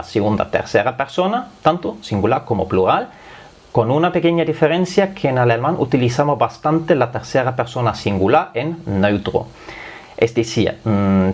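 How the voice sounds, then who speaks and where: A man whose first language is German, speaking Spanish with a slight German accent, patiently teaching a language lesson step by step. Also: medium pitch. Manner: patient, step-by-step explaining with frequent "es decir". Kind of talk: explanatory lesson.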